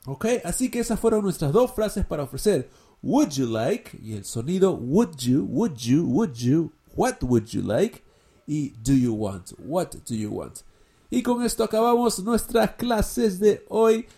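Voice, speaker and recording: A man, teaching English on a podcast and slowly repeating each phrase. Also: sits high, sing-song, warm tone. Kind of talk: podcast English lesson in Spanish.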